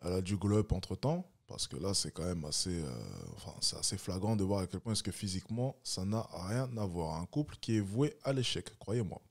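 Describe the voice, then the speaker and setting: A man's voice: sits low, quick pace, few pauses. A French man hosting a reaction video, making mocking, sarcastic comments in casual commentary.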